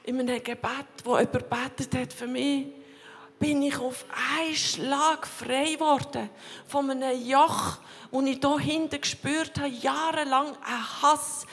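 High-voiced Swiss woman giving a testimony. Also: steady tone, faint music behind. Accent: Swiss German. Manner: halting, fragmented phrasing with repeated words. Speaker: church member giving a testimony. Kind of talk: emotional personal testimony. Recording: long reverb of a large hall.

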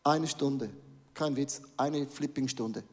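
A man's voice: medium pitch, slow, darkish tone. A middle-aged man preaching a sermon in a large hall. He preaches with animation and drops English words into his speech.

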